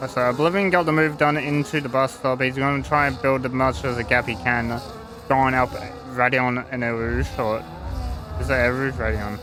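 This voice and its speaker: A man's voice: medium pitch, steady tone, normal speed, rough recording. A man giving informal live motorsport commentary on a sim race, hesitant and thinking aloud as he goes.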